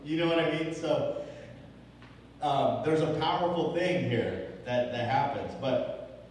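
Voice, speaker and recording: A young male pastor giving a relaxed, conversational Bible teaching, asking the room questions and chuckling often. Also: a little high, takes it slowly, slight background noise. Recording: echoey hall from far off.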